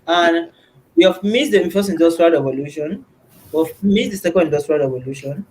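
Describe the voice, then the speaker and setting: A man's voice: fairly high pitch, expressive, brisk, darkish tone, a little hiss or hum, poor audio. A man from Nigeria hosting an online community call, earnest and repetitive, with many fillers. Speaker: host. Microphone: video call.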